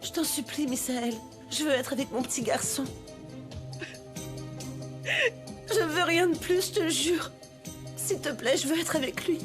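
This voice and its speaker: A woman acting as a proud young mother who has been wronged, in a dubbed TV melodrama. Her voice is high and pleading, with music playing underneath. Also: moderate pace, close to an everyday voice. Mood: desperate pleading.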